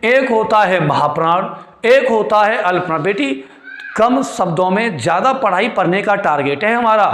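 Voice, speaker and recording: A man's voice: high voice, expressive, moderate pace, fairly bright tone, reverberant. A male teacher, giving a classroom lecture. He repeats his points, quizzes his students and calls them his kids. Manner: calls students "beti" and "chhote" fondly. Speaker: Hindi grammar teacher.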